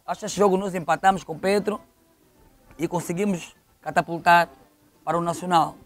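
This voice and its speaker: As an interview guest, a local football official tells stories conversationally, leaning on repeated phrases for emphasis. He is middle-aged with an Angolan accent, and his high-pitched voice holds a steady tone at a fairly quick pace.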